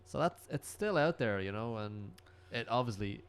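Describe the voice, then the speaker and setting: A man's voice: on the low side, expressive, normal speed, smooth. A young man with a Dublin Irish accent, an easygoing podcast co-host who chats agreeably with plenty of fillers. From Ireland. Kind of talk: casual chat.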